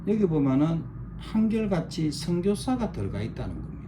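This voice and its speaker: A man's voice: fairly high pitch, sing-song, brisk, noisy background. Emphatic middle-aged man. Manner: repetitive, pointing with short demonstratives, emphatic. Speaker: online commentator. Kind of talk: monologue explaining a chart.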